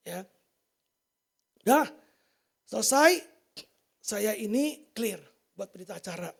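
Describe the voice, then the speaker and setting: A man giving an informal sermon testimony to a church congregation, talking in a colloquial, animated way and asking the listeners many rhetorical questions. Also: high-pitched, slow, creaky, slightly rough. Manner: colloquial, slangy delivery. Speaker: church preacher.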